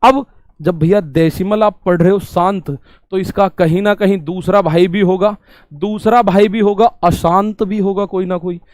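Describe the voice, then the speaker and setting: A man's voice: sits high, steady tone, a little slow, darkish tone, dry recording. A man teaching a math class to exam students, talking casually, repeating questions back to them and explaining with everyday examples. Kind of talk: online exam-prep class.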